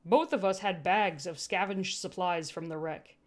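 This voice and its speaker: A woman with a fairly low voice reads first-person fiction expressively as an amateur narrator at a normal speed. Her manner is informal, and she breaks off to laugh and make casual comments.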